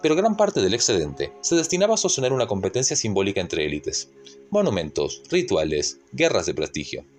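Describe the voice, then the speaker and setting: A man narrating a scripted history essay in a measured, didactic way, posing rhetorical questions. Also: fairly low pitch, wildly swooping pitch, faint music behind.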